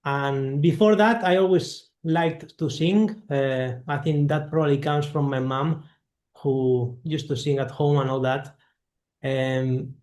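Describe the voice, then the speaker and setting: A man's voice: medium pitch, darkish tone, reverberant. A man from Spain with a Spanish accent, speaking as a guest composer in an interview, thoughtful and hesitant with many fillers. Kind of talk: interview conversation.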